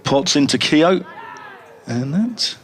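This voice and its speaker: A man's voice: a little high, lively intonation, slow. A man commentating on cricket, chatting and joking between deliveries in a rambling way. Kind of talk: radio cricket commentary with chat.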